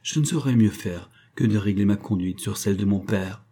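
A man voicing a gentle, dignified young woman in a low, husky voice. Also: moderate pace. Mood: gracious.

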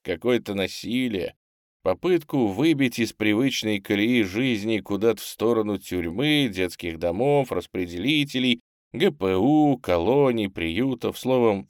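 A man narrating an audiobook in an expressive storytelling way. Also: lowish voice, no echo, studio quality.

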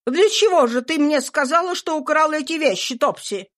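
Stern exasperated aunt, scolding, sharp questions, raised voice, read by a woman. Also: high-pitched, animated, moderate pace, voice pushed up.

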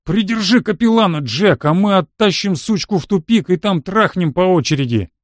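Man voicing bully soldier, sneering, taunting, raised pitch, dry. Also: animated, moderate pace, no echo. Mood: mocking. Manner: mocking, leering. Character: brutal sneering male American soldier, bully.

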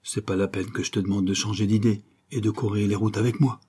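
A man voicing a rough, hard-drinking laundry worker whose raised, excitable voice slurs and mumbles when he's drunk. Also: on the low side, quick pace. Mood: excited, rowdy. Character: rough, boozy laundry worker, lamenting and wild. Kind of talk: audiobook character voice.

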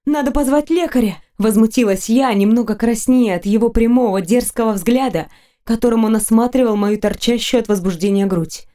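A woman narrating a first-person romance audiobook, reading softly, intimately and sensually. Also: a little high, normal speed.

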